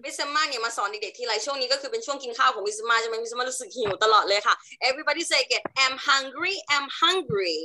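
A young Thai woman teaching English to children in an online class, drawing words out slowly for them to repeat. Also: high voice, lively intonation, a crowd in the background. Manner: slow, drawn-out modelling of words for pupils to repeat.

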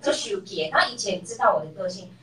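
A woman's voice: medium pitch, brisk, fairly bright tone, a little hiss or hum. A middle-aged woman telling a personal story in a class, acting out the voices of the people in it. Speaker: class member sharing a story. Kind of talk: personal testimony. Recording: echoey room, voice from far off.

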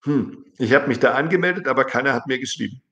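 A man's voice: mid-range voice, quick pace, a bit bright. A middle-aged man teaching German on a live stream, reading viewers' comments aloud and correcting them in a chatty way, from a webcam in his living room. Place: indoor living room with a large plant.

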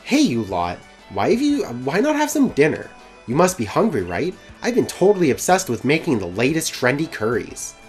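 A man's voice: fairly high pitch, wildly swooping pitch, moderate pace, darkish tone, faint music behind. A man putting on a fussing motherly woman. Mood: fussy.

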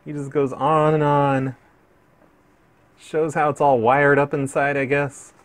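A man's voice: fairly high pitch, flat delivery, a little slow. A man chatting casually as he opens fan mail, rambling and easily amused, with many restarts. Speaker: vlogger opening fan mail. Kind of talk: casual unboxing chat.

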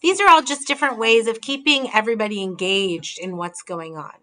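Speaking into her laptop camera on a casual video call, this thirty-something woman shows off holiday table ideas from her dining room, holding up books while she explains. Her mid-range voice moves fairly quickly and sounds a bit bright. Her manner stays friendly throughout.

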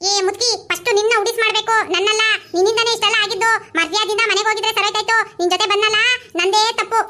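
A sly village woman, played by a woman, coaxes and flatters in a Mandya Kannada accent. Her voice is very high and bright, and she talks fast with quick retorts. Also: a little hiss or hum. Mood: wheedling. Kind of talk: village comedy skit acting.

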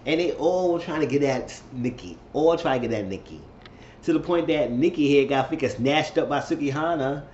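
A man recapping a reality show episode in casual, gossipy commentary, animated and quick to act out what people said. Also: a little high, reverberant, lo-fi sound, slight background noise. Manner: animated, gossipy, acts out the quotes. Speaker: reality TV reviewer.

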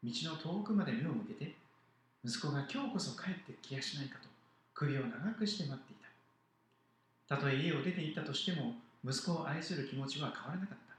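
A man preaching, telling a Bible story to children with lively voices for the characters. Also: a little high, a little fast. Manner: animated, acting out voices in the story. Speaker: pastor. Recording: very echoey live hall.

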